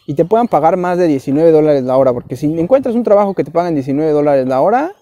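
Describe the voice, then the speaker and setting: On a lo-fi recording, a young Mexican man talks fast in an expressive, warm voice on the high side, with a Mexican Spanish accent. The vlogger gives slang-filled, rambling advice and uses "güey" over and over.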